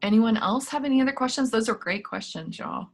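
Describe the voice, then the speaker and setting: Over a video call, a student activities staff member hosts a virtual campus meeting, casual, upbeat, chatty and encouraging. Her fairly high voice is expressive and gravelly, and she speaks a little fast.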